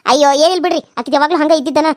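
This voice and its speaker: A woman's voice: high voice, racing, a little mellow, dry recording, studio quality, close to an everyday voice. A woman voicing a scheming middle-aged mother-in-law in a cartoon serial, scornful and dismissive.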